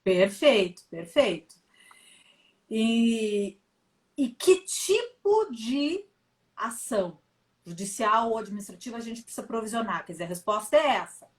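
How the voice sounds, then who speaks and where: A woman's voice: a little high, expressive, unhurried. A woman hosting a live interview, prompting her guest with short, affirming remarks. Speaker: host interviewer.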